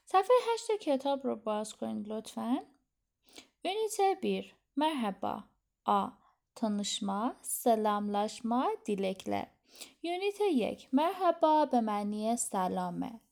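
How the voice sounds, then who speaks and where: Woman teacher saying vocab slow and clear, then translating, mellow fairly high voice. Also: sing-song. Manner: reads Turkish words slowly, then translates them into Persian; gives explanations quickly and clearly. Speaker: Turkish language teacher. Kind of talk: language lesson.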